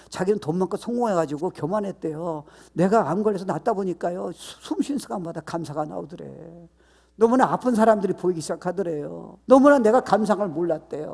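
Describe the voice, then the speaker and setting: Male pastor, sermon delivery, higher pitch, husky tone, bursts into English. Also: quick pace. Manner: switches between Korean and English, rising to loud emphatic shouts.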